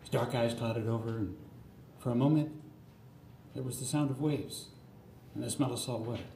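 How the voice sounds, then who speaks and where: A mellow, mid-range male voice at a moderate pace carries this scripted autobiographical monologue. The middle-aged storyteller performs it live, earnest and theatrical, in separate phrases. The recording, from a live radio theatre stage, is roomy, with clear background noise.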